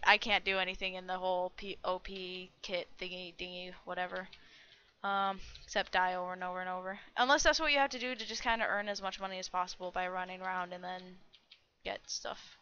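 A woman's voice: lowish voice, a little fast, sharp tone, smooth. A young woman hosting a gaming channel, rambling to herself through a Minecraft server review and squealing when attacked. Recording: dull lo-fi recording.

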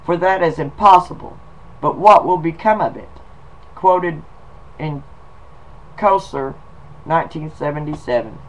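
A man with a twang reads aloud and then spins a folksy old story for his viewers. He takes his time, drawing out his words at a slow, easy pace, and his voice sits a touch on the high side. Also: rough recording. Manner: folksy, slow, drawling delivery with y'all and 'em. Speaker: video blogger. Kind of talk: casual reading and storytelling.

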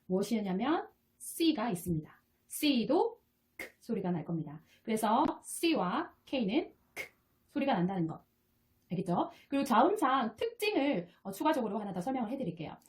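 Over soft guitar music, a woman teaches English phonics at a normal speed in a slightly high, sing-song voice. She explains the lesson patiently step by step and repeats every sound.

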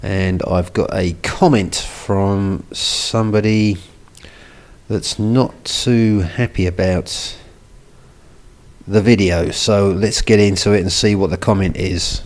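Low-voiced man arguing back. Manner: argumentative, tag questions, emphatic. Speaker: video host. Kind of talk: casual video response.

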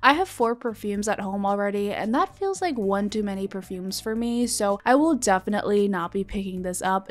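A young woman in her twenties narrates a shopping vlog in a chatty, upbeat way. Her voice sits in an ordinary middle pitch. She talks straight to her viewers as friends. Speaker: beauty vlogger.

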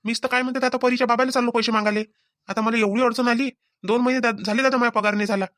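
A woman voices a young cartoon husband, in a somewhat high voice. He talks fast, pleading and questioning. The sound is dry. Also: steady tone, a bit bright, no echo, lightly acted. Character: young husband short of money.

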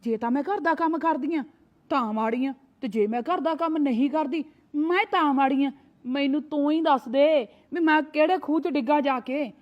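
A proud, sharp-tongued young wife, played by a woman, high-voiced and fond of scolding in sayings. She is defiant toward her sly sister-in-law. The sound is dull and lo-fi. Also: normal speed, natural voice. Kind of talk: short family drama.

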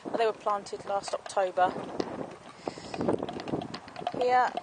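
Speaking from behind her handheld camera, a woman leads a relaxed outdoor tour of her allotment, chatting and explaining along the way. Her voice is mid-range with fairly even intonation, and she talks at a slow pace. The camera's outdoor audio picks up clear background noise.

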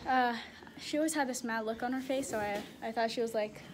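A woman's voice: a little high, a little fast, noisy background. A young woman telling a casual, giggly story while filming herself in a horse barn. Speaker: vlogger. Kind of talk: casual vlog chat. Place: indoors in a large horse barn. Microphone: handheld phone at arm's length.

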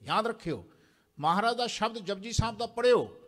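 A man's voice: high voice, animated, a little fast, a bit bright. A man preaching a sermon in a large temple prayer hall, exhorting the congregation and having them repeat lines after him. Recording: long hall reverb.

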